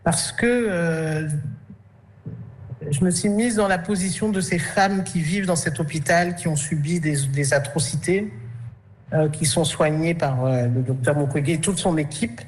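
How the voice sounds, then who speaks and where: A woman, an artist and actress, answering interview questions hesitantly, with many fillers and restarts and soft laughs between thoughts. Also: deep voice, a little slow.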